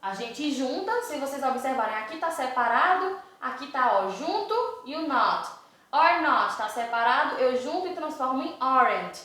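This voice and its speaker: A woman's voice: high-pitched, animated, normal speed, sharp tone. A woman with a Brazilian accent teaching a recorded English lesson to children, explaining step by step and asking the class questions. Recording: very echoey room.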